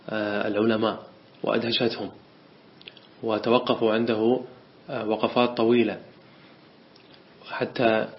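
A sheikh giving a religious lesson, reading a text aloud and then explaining it with an even, hesitant delivery. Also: male voice, medium pitch. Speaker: sheikh teaching a hadith collection. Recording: dull lo-fi recording with faint hiss.

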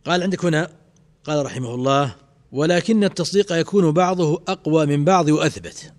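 Quick-talking sheikh lecturing. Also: male voice, on the high side. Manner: quizzing students with rhetorical questions. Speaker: sheikh teaching a creed text. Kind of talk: classroom commentary on a text.

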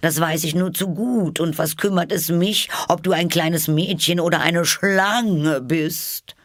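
A reader voicing a scornful, suspicious female pigeon guarding her nest, with slow, drawn-out scolding in a storybook reading. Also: medium pitch, fairly even intonation, fairly bright tone, dry recording, clean studio sound, pitched above the performer's own voice, lightly acted.

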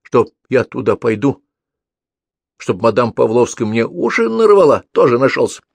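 A man's voice: mid-range voice, very animated, normal speed, gravelly, slightly rough, no room sound, pitched above the performer's own voice, exaggerated voice. A man voicing a cheeky, defiant little boy in an audiobook reading, mocking and taunting.

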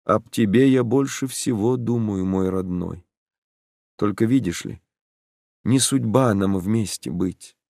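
A man reading an audiobook voices a young village woman who speaks softly, earnestly and insistently. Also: fairly low pitch, slow pace, no room sound, studio quality. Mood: tender. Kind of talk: audiobook narration.

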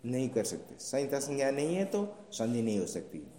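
A man's voice: medium pitch, very animated, mellow. A man teaching a class, explaining patiently and often checking whether his listeners follow. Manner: slow, patient explaining with frequent checking questions. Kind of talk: classroom lecture on Sanskrit grammar. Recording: roomy echoing room sound.

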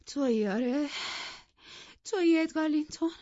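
A woman's voice: high voice, dry recording, dull audio, pitched above the performer's own voice, close to an everyday voice. A woman voicing a delirious, furious young wife in an audiobook, with raised, overwrought outbursts. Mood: bitter, feverish.

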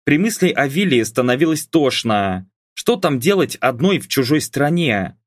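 An audiobook narrator reads a first-person novel in an expressive style, his medium-pitched male voice moving at a moderate pace. The scripted narration is recorded dry, with studio quality.

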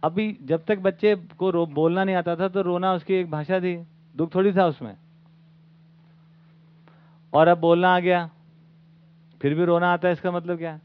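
A man's voice: sits high, steady tone, moderate pace, long pauses, smooth. A man giving an informal talk as the teacher of a study camp, often asking his audience rhetorical questions. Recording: phone-like lo-fi recording.

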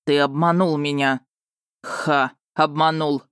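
An audiobook reader voicing a blunt, easily riled male werewolf with a gruff, growling manner. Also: medium pitch, fairly even intonation, slow pace, a bit bright, dry recording, studio quality. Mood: indignant. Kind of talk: audiobook character reading.

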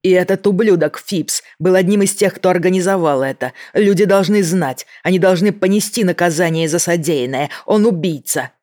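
A reader voicing a desperate, unhinged man who has a bomb and shouts threats down the phone. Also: mid-range voice, moderate pace, hardly any pauses, voice pushed up, close to an everyday voice. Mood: raging. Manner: shouting, hissing, voice breaking. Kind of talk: audiobook character voice.

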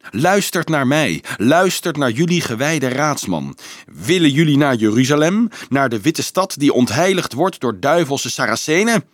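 A man voicing a scornful older monk who accuses in a sneering, drawn-out tone, as read from a storybook. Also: fairly high pitch, dry recording, clean studio sound.

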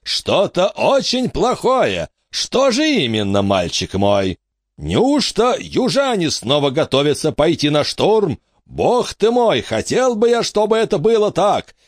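A man's voice: wildly swooping pitch, a little slow, dry recording, studio quality, exaggerated voice. A man doing a blustering pompous showman. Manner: blustering, booming, theatrical. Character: pompous bombastic middle-aged man, crude showman.

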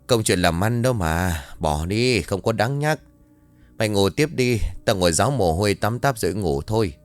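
A man voicing a weary older rural uncle who talks bluntly and gruffly. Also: fairly low pitch, lively intonation, moderate pace, close to an everyday voice.

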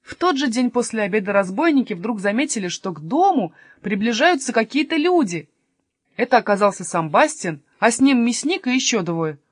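Animated female storybook narrator, dry close sound. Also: a little high, a little fast, breathy edge, dry recording. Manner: expressive, animated reading.

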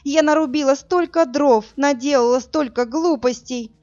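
Audiobook woman voicing a desperate young woman, tearful, raised high voice, slightly muffled recording. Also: moderate pace, darkish tone, natural voice. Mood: pleading. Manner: tearful and pleading, then screaming in anger.

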